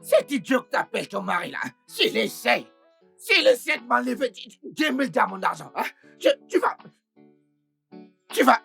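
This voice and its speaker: A woman dubbing a grovelling, scheming male house employee, with a raspy voice and stammering, wailing pleas. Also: on the high side, very animated, normal speed, fairly bright tone, soft background music, heavily acted. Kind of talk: French film dub.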